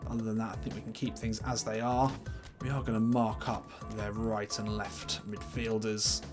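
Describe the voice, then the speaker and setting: A man who makes gaming videos offers relaxed commentary on a football game while music plays behind him. His voice sits fairly low with little pitch movement, and at a moderate pace he chats and muses over his team choices.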